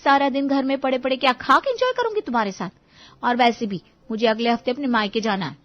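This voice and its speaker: Sassy, bossy young wife voiced by a woman, high voice, dull muffled audio. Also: animated, fast, lightly acted. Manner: sassy, demanding. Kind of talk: cartoon voice acting.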